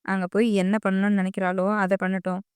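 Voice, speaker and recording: A woman voicing a calm, firm older aunt who settles a family question in an audio novel. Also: mid-range voice, fast, smooth, no room sound, clean studio sound, close to an everyday voice. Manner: firm, reassuring.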